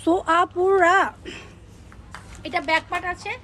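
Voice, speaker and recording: A young woman selling clothes on a live stream, pitching each dress with pushy repetition and English words mixed in. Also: level tone, slow, fairly bright tone, a little hiss or hum. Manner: repeats phrases, pushy upbeat selling, mixes English words. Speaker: online clothing seller.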